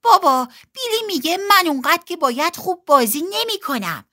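A little girl bunny from a storybook, eager and whiny, as a woman reads her lines. Her voice sits high and jumps about. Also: animated, a bit bright.

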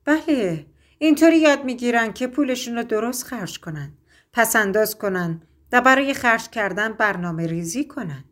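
A woman voicing a calm, patient mother bear in a storybook reading. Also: a little high.

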